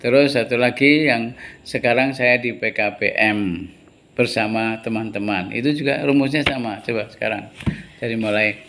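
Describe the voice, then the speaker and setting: A man teaches English to a class. He speaks at an ordinary middle pitch, explains slowly and repeats key words. He keeps turning to his students with questions. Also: fairly even intonation, a bit bright, a little hiss or hum. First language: Indonesian.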